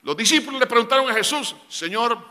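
A man preaching in a high, piercingly bright voice, pressing his point to the congregation with bursts of shouting. His sermon rings with a long reverb through a church hall. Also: animated, fast talker. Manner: emphatic, addresses congregation as brothers, shouts quoted cries. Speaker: pastor.

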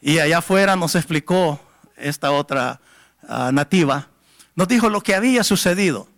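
A man preaching, telling a testimony in a dramatic storyteller's way that swells to near-shouts. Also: fairly high pitch, animated, normal speed. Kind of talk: sermon testimony.

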